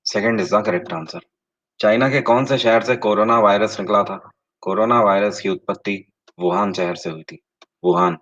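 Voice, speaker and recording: A man's voice: fairly low pitch, a bit bright, dull audio. Male teacher quizzing a live class. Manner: reads questions in English slowly, explains in Hindi with rising emphasis; addresses live viewers directly, asks and confirms answers. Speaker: online exam-prep teacher. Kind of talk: live online class, quiz walkthrough.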